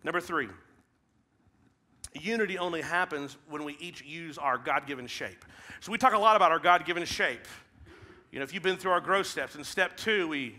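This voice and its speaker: High-voiced, bright Midwestern American preacher. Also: male voice. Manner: dynamic preaching, swings from loud emphatic calls to hushed near-whispers. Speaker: pastor. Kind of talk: sermon. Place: large church stage with blue-lit backdrop.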